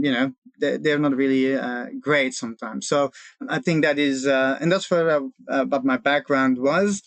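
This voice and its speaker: Halting man, dry sound. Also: a little high, clean tone, no echo. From Belgium. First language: Dutch. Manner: halting, frequent uh and you know. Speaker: guest, social worker. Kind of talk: conversational interview.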